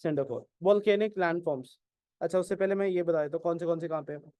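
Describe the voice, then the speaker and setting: A man with an Indian English accent teaching an exam-prep class, mixing Hindi and English and often asking whether it is clear. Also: fairly high pitch, brisk, dry recording, highs cut off. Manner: keeps asking "is it clear?", questions and answers his own prompts.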